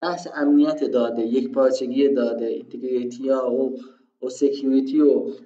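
A man's voice: mid-range voice, little pitch movement, warm tone, reverberant. Male tutor, casual lesson delivery with rhetorical asides, lo-fi mic. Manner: conversational, rhetorical self-questions, frequent fillers. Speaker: programming instructor. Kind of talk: screen-recorded tutorial explanation.

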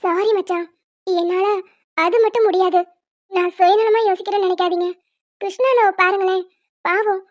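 Woman doing a super high squeaky cartoon wife, bossy, lectures a lot, dull lo-fi audio. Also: dry recording. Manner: scolding, lecturing. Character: young wife, bossy and sensible. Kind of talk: cartoon voice acting.

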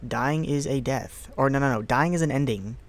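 A young man giving casual let's play commentary on a horror game, excitable, muttering to himself and swearing. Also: mid-range voice, moderate pace.

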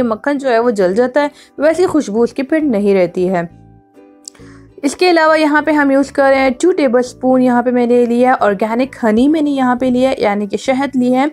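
A cooking channel host narrates a home cooking tutorial over faint background music, her slightly high, darkish voice moving at a normal speed. She's chatty and instructive, explaining each step and repeating herself as she goes back over points.

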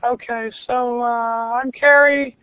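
A man voicing a fussy, chatty female foam puppet in a squeaky put-on voice during a webinar. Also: flat delivery, takes it slowly, clean tone, no echo, narrow, tinny audio. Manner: fussy, complaining, gushing.

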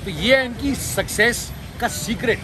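A high-voiced man co-hosting a food show tells a story animatedly and with emphasis in a casual food vlog, speaking a little slowly. He's outdoors at a busy street market, picked up by a phone camera at close range, with crowd and background noise.

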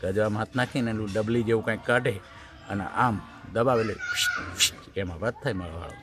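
A male comedian telling folksy jokes, animated and shouting his punchlines. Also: on the low side, brisk, music in the background, a crowd in the background. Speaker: stand-up comedian.

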